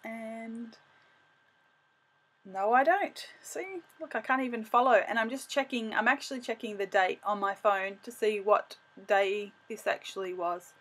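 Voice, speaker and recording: Woman, middle-aged, slightly high voice, hosting a casual scrapbooking video; talks through each step and corrects herself. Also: a little slow, a bit bright. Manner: thinks aloud, self-correcting. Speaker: craft video host. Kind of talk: casual scrapbooking process narration.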